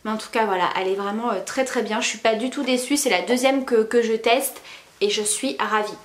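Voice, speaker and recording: A woman talks through beauty products in a casual, chatty way, filling pauses and restarting phrases as she goes. Her voice sits a little high and carries the echo of a bare room. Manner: chatty, many fillers and restarts. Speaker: beauty vlogger.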